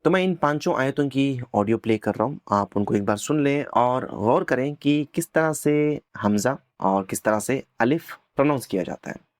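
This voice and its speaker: A man teaching an Arabic lesson, patiently explaining and slowly repeating words for learners to copy. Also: medium pitch, animated, no room sound, clean studio sound.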